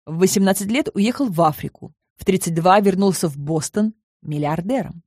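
A woman reading the part of a calm, erudite young man, explaining family history in a measured, lightly ironic way in an audiobook. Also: lowish voice, no room sound, studio quality, close to an everyday voice. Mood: wry, explaining.

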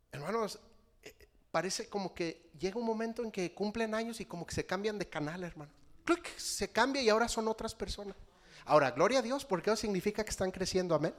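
Animated Mexican pastor, fairly high voice. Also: male voice. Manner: animated, constantly addressing the congregation as brothers. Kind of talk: sermon.

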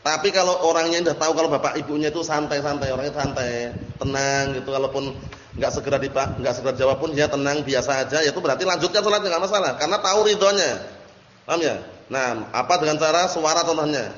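A man's voice: a little high, fast, fairly bright tone. A man teaching a religious study class, explaining a text line by line and asking his listeners questions. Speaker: Islamic teacher. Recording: echoey hall, dull lo-fi audio, faint hiss.

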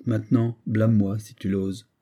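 Broke young painter, wry and sharp-tongued, dark husky tone, read by a man. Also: fairly low pitch, level tone, moderate pace. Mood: exasperated. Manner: wry, exasperated.

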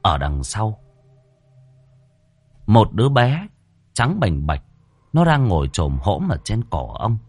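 Lively, low-voiced male ghost story narrator. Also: slow pace, pauses often, slightly rough, no echo. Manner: dramatic, expressive storytelling.

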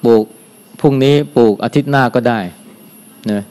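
An older man, a Buddhist monk, giving a dharma talk in a calm, unhurried way, softly ending his phrases with a gentle particle. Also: mid-range voice, clean tone. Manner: calm, unhurried, adds a soft "na" at the end of phrases.

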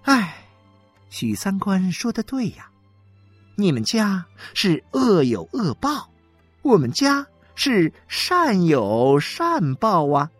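Brief: woman doing a gloating housewife, chatty and smug, in a lively lower voice, dry and close. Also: slow pace, husky, no room sound, soft background music, heavily acted. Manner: chatty and gloating, with many sighing "ai" fillers. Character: smug, gloating working-class wife. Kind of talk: dramatic reading.

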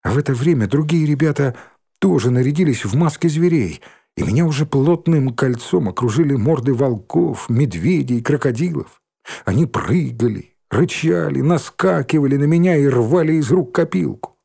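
A man narrating an audiobook in a lively, expressive storytelling manner. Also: medium pitch, normal speed, gravelly, husky. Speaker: audiobook reader.

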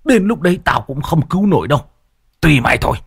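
A man voicing a stern old village elder who gives slow, grave warnings. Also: on the high side, very animated, creaky, breathy edge, dry recording, clean studio sound, pitched above the performer's own voice, exaggerated voice. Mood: threatening. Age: older.

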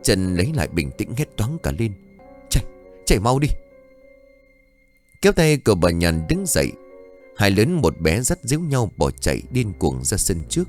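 A man narrating a scripted horror story in a slow, suspenseful reading voice. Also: low-pitched, big pitch swings, darkish tone. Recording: music bed behind the voice. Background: faint music.

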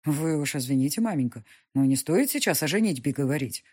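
A woman reading the lines of a stubborn young nobleman arguing with his mother, in her own husky voice with a sullen, insistent manner. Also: sits low, animated, fairly quick, darkish tone.

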